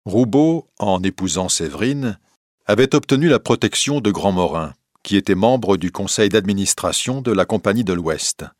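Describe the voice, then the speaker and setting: A man narrating a classic novel aloud in a steady, measured reading. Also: lowish voice, dry recording, studio quality.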